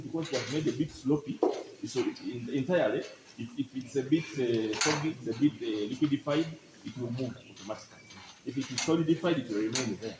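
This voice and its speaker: A man guiding visitors through a dairy barn, explaining step by step and often checking that his listeners follow. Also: medium pitch. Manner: explanatory, keeps checking "you get my point?". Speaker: farm guide. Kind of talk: explaining on a farm tour. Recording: noisy farm barn recording.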